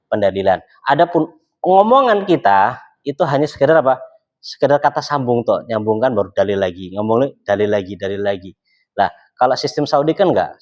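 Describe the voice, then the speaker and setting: A man's voice: medium pitch, darkish tone. A male Islamic religious teacher, explaining in a casual talk and answering his own rhetorical questions. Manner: asks rhetorical questions and answers them himself. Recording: slightly dull lo-fi sound.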